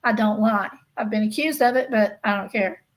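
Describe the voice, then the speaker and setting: Hosting a true-crime gossip livestream, a woman talks to her audience at normal speed in a mid-range voice. She's casual but insistent, hammering home her points by saying them again and again.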